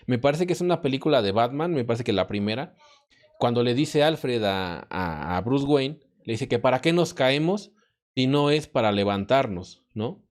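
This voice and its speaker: A man's voice: medium pitch, darkish tone. A man with a Mexican accent, a math and physics professor, talking as a guest in a casual podcast conversation. He thinks aloud, often hesitating and restarting.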